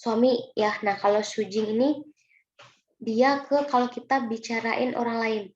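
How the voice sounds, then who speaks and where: A woman's voice: on the high side, steady tone, unhurried, darkish tone. A woman with an Indonesian accent teaching Japanese kanji in a recorded online lesson, patient and chatty, often calling her students "minasan". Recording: roomy, dull lo-fi recording with faint noise.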